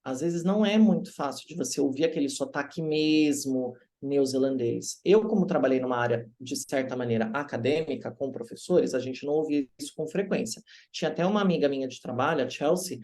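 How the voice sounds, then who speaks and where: A man from Brazil, an English teacher telling stories in a casual interview, lively and acting out the voices of people he quotes. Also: on the high side, brisk. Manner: animated, acts out quoted voices.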